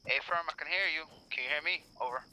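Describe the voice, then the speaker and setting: Very bright, fast man on crackly military radio. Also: fairly high pitch. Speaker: military commander on radio net. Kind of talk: clipped military radio calls.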